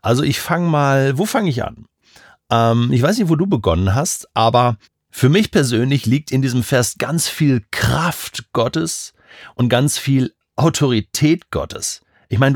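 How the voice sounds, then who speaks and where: A man's voice: mid-range voice, animated, measured pace, dry recording, studio quality. A man in a devotional Bible discussion, reflecting personally on a psalm with emphatic repetition. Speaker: Bible study speaker.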